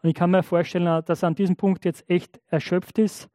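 A man's voice: sits high, little pitch movement, fairly quick, warm tone, dry recording. Guy preaching a sermon, chatty, keeps asking the crowd "right?", dry close sound. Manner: conversational, often asks the congregation "oder?"; acts out biblical and imagined speakers in changed voices.

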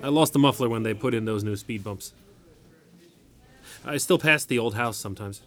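In an audio comedy-drama, an actor with a mid-range, fairly bright voice speaks at normal speed with light acting. The role is an earnest, quirky, chatty neighbor accompanying an injured older woman, who rambles naively and startles easily.

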